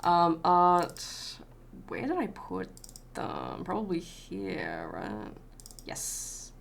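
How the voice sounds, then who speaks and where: A woman's voice: lowish voice, wildly swooping pitch, drawn-out words, gravelly, a little hiss or hum. An Australian woman chatting casually on a live stream while she draws, greeting viewers and swearing freely.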